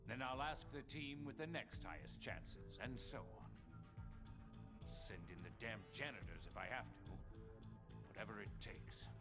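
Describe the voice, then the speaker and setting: A man's voice: medium pitch, animated, over music, lightly acted. A man voicing a stern director general. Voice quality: measured, authoritative, dry. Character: stern commanding male director general, middle-aged. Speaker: game character.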